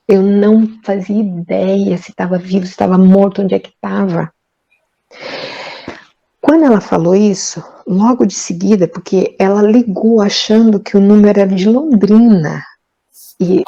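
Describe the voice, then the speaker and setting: A woman's voice: mid-range voice, dark tone. An older woman from Brazil, an interview guest telling her life story with emotion, often repeating words and acting out dialogue. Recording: dull lo-fi audio.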